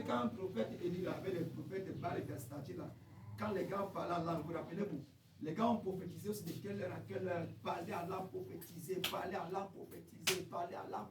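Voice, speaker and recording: A male pastor preaching a revival sermon, swinging from shouted high peaks to quiet questioning drops. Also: distant mic. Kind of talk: French-language revival sermon. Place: church hall. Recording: echoey church sound, from off the mic, faint noise.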